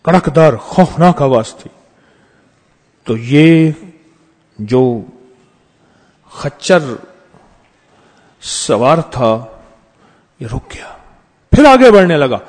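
A man's voice: on the high side, very animated, pauses often, darkish tone. A man preaching a sermon, telling a story dramatically with emphatic repetition, with a long hall echo.

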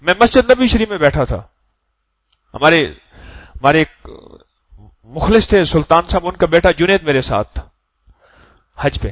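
Emotive male preacher, lively pitch. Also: long pauses, no room sound, muffled recording. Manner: emotive, swings between loud emphasis and soft low asides. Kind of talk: Urdu religious sermon.

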